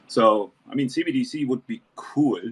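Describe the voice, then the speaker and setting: A man from New Zealand talking in a casual panel discussion, halting and restarting with many fillers. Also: mid-range voice, slightly rough.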